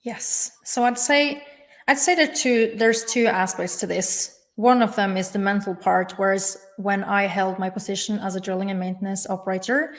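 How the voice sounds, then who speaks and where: Woman from norway, young adult, formal careful answers, middle pitch. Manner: measured and formal, with careful connectives. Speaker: guest. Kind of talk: interview answers.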